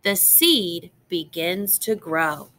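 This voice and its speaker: A teacher whose voice sits on the low side reads a picture book to young kids. She reads expressively and enunciates clearly, and she pauses to explain and pose questions.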